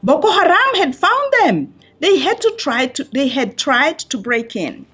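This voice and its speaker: A woman reads a picture book aloud to young listeners in an expressive storytelling style, with deliberate phrasing and dramatic pauses. Her voice is high-pitched, and soft music plays in the background.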